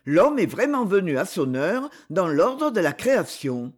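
Brief: male audiobook narrator, high voice, husky, dramatic. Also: very animated, a little slow. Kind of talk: scripted narration of an adventure novel.

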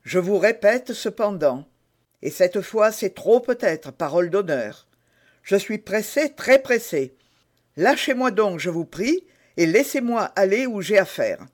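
A man's voice: high-pitched, big pitch swings, unhurried. A man voicing an impatient, defiant young swordsman in a hurry, in an audiobook reading. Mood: hurried. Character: hot-headed young male swordsman in a hurry. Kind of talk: audiobook character voice.

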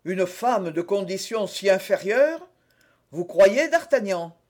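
A vain, hearty musketeer, put on by a male reader, booming out scoffing exclamations in a raised voice. He sounds proud and a little pompous in this storybook telling. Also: animated, a little slow. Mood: blustering. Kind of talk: audiobook reading.

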